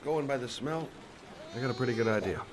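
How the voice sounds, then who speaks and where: A man acting a gruff but kindly middle-aged detective in a video game drama, with stilted, hammy line readings. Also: mid-range voice, lively intonation, fast talker, background noise, natural voice. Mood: gentle.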